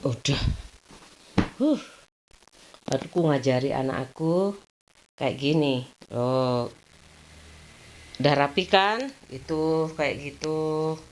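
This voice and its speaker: A middle-aged woman, chatting at home in a rambling, venting way, her voice jumping up in complaint and sinking to low murmurs. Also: takes it slowly, pauses often, a little hiss or hum. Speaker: vlogger. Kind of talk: casual chat.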